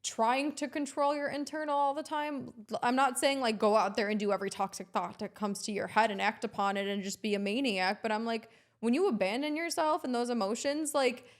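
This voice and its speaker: A woman's voice: fairly high pitch, a little fast, hardly any pauses. Emphatic, supportive woman co-host. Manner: emphatic and supportive, talks it through. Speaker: podcast co-host. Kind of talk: candid podcast conversation.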